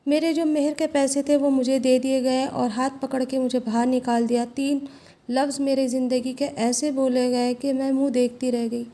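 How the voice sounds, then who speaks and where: A woman telling a first-person story in a steady, even storytelling delivery. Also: high-pitched.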